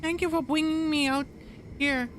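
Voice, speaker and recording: Man doing a woman's voice, high-pitched polite little girl, visual novel game character, falsetto, faint background noise. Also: steady tone, normal speed, a bit bright. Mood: polite, matter-of-fact. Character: small polite little girl out late at night.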